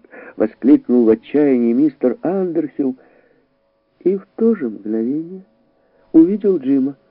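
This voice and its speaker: A man reading an audiobook story aloud in a dramatic, expressive way, heightening his voice for the characters. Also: medium pitch, a little slow, dry recording, phone-quality sound. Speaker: audiobook narrator.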